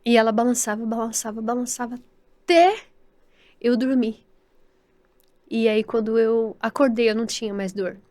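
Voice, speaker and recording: A woman with a Brazilian Portuguese accent, a podcast guest telling her personal story in earnest, halting speech, often repeating words and asking for agreement. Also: fairly high pitch, a little mellow. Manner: devout, speaks of faith with feeling. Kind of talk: personal testimony in an interview.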